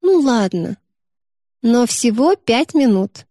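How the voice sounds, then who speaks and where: A woman's voice: a little high, sing-song, slow, warm tone, no echo, clean studio sound. A woman voicing a cheeky, rebellious little girl who whines and sulks. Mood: sulky. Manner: whiny, petulant.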